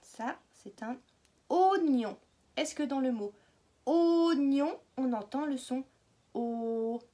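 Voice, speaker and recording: A woman's voice: high voice, moderate pace, warm tone. A woman with a French accent, teaching a phonics lesson to small children and stretching words out syllable by syllable.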